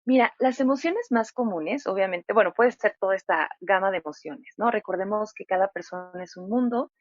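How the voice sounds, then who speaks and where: Expressive woman psychologist, dry muffled sound. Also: mid-range voice, normal speed, no echo. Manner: expressive, acts out examples with lively voices. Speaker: psychologist guest. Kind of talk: interview answers.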